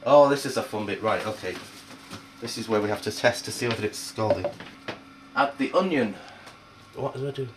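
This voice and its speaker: A man's voice: medium pitch, moderate pace, pauses often, background noise. A young man, cooking on camera and grumbling in bemused, exasperated chat. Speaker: amateur cook.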